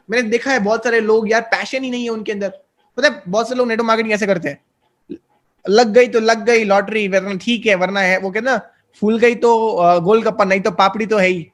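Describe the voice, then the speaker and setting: A man in his twenties, a network marketing guest, giving an earnest and persuasive motivational interview. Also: high voice. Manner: earnest, persuasive, mixes English terms.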